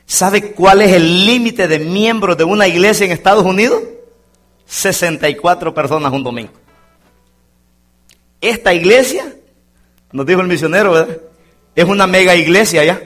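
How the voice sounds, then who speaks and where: A man preaching a sermon as a pastor in a church, swinging between loud exclamations and quiet asides. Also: sits high, moderate pace, pauses often. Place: church sanctuary.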